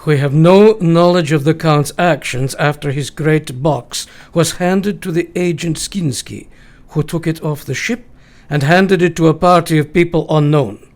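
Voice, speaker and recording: A man's voice: a little high, measured pace, natural voice. A man in a radio play acting a grave, courteous older professor who leads vampire hunters, speaking formally in old-fashioned phrases. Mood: solemn warning.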